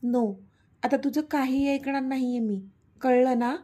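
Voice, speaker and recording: Storybook young lover, protective, quick to flare up, tender underneath, read by a woman; mellow, fairly high voice. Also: slightly rough. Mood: annoyed. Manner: soft and pleading, then stern.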